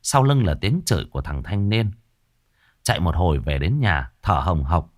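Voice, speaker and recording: A man narrating a ghost story in a lively, expressive storytelling manner. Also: deep voice, moderate pace, no room sound, studio quality.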